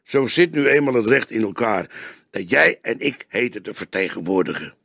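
Man doing a stern old detective, firm measured speech, gravelly, husky. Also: lowish voice, sing-song, pushed and bright, dry recording, studio quality, heavily acted. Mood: patient. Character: older male police detective, grey and stern.

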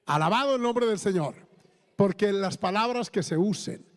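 Man, Colombian accent, pastor, sermon, high voice, long hall reverb. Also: lively intonation, normal speed. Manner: preaching with call-and-response interjections.

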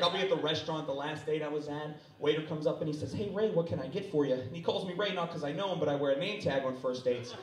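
A man doing a self-mocking stand-up routine on a club stage. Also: sits high. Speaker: stand-up comedian. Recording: echoey club, distant mic, crowd.

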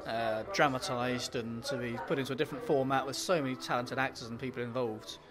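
An English-accented author answers interview questions haltingly, his speech full of ums and repeated words. His voice is medium in pitch with fairly even intonation.

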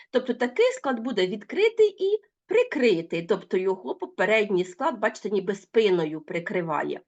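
A woman teacher giving an online school lesson to children, talking straight to the pupils and drawing out the example words slowly. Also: medium pitch, highs cut off. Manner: lively, addresses pupils directly, drawn-out example words.

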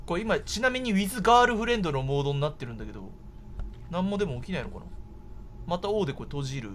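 A man giving excited horror game commentary, exclaiming in a startled way and often repeating his words. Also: high voice, very fast, slight background noise. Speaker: gameplay commentator.

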